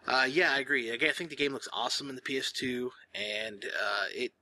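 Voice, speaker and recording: A man with a very bright, sharp voice co-hosts an easygoing podcast chat. He rambles along, full of "uh"s, and keeps correcting himself mid-sentence. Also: medium pitch, brisk, a little hiss or hum. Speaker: podcast co-host. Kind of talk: casual chat.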